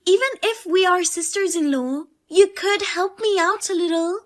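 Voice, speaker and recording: A pushy sister-in-law with a high, piercing voice, as a woman puts her on. She talks in a sharp, demanding and insulting way. This is a narrated storybook drama. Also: normal speed. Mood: scornful.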